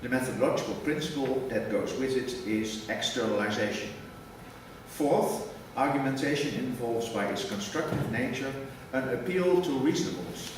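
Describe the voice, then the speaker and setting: This academic lecturer, a native Dutch speaker with a mid-range voice, presents a formal conference talk from a prepared script. He is measured and exact in his phrasing, picked up far off in a reverberant, noisy hall.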